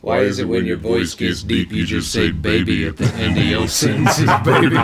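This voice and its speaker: A man talking through a deep pitch-shifted voice changer during playful livestream chat, crooning and tacking "baby" onto his lines. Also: normal speed, over a noisy crowd. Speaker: livestream co-host.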